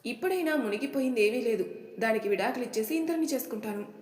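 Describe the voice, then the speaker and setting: A woman's voice: on the high side, expressive, quick pace, darkish tone, natural voice. A woman voicing a young groom, an emotional and devoted nephew, speaking in a pleading, earnest way. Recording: echoey room with long reverb.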